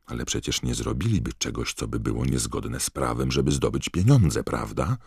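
Earnest schoolgirl witch, voiced by a man: anxious, questioning, low and dry. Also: animated, normal speed, creaky, a little mellow, husky, dry recording, heavily acted. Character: clever, earnest teenage girl witch.

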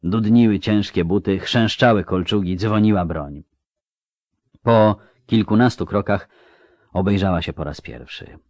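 A man narrating an audiobook with an expressive, dramatic reading. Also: lowish voice, a little slow, dry recording. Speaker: audiobook reader.

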